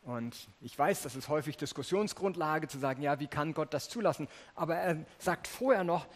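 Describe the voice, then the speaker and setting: A man's voice: a little high, expressive, brisk. A man preaching a sermon in a conversational way, speaking directly to his listeners and reading scripture aloud.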